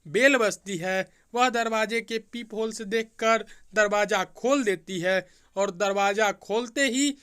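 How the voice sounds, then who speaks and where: A man's voice: sits high, slow pace, fairly bright tone, smooth. A man narrating an emotional storybook tale in Hindi, dramatic and acting out each character.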